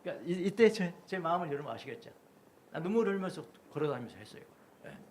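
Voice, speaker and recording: A man's voice: a little high, very animated, quick pace, a little mellow. A middle-aged pastor from Jeolla, South Korea preaches a Sunday sermon, his slightly raised voice leaping up and down as he builds rhythmic chains of repeated phrases. A faint hum sits under the church recording. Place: church sanctuary.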